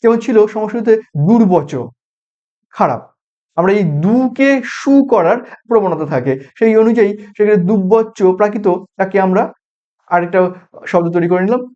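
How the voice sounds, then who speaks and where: A man giving a recorded university lecture, explaining step by step and pausing on example words, with a Bengali accent. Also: high-pitched, dark tone, dull audio.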